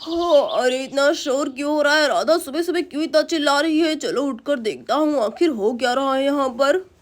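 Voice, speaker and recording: A woman voicing a calm village father in a lowered, mock-deep man's voice. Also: normal speed, close to an everyday voice.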